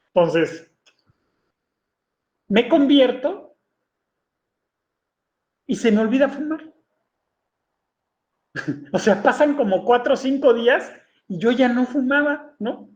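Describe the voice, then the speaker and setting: A man preaches in a relaxed, conversational way, often checking in with his listeners with a quick question. His voice sits high for a man. The sound is roomy and echoing, with a dull, lo-fi quality. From Mexico. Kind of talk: sermon testimony. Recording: echoey room, dull lo-fi sound.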